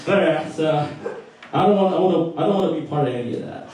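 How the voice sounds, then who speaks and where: Performing on a small record store stage, a young Filipino comedian from the Philippines talks at a quick pace in a slightly high, slightly mellow voice with a Filipino accent. His stand-up is profane and he laughs at his own jokes; the roomy, distant live recording has a little hiss or hum.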